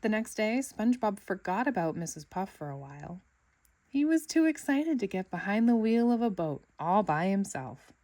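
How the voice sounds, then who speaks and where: In this clip, a female storybook reader gives a lively, expressive reading of a children's tale. She speaks at an ordinary speed with a medium-pitched voice.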